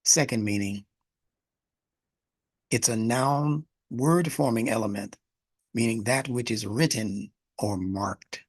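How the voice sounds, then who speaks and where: A man's voice: mid-range voice, slow pace, long pauses, slightly rough, dry recording. A male instructor giving an emphatic spiritual lecture, breaking words apart to explain their origins.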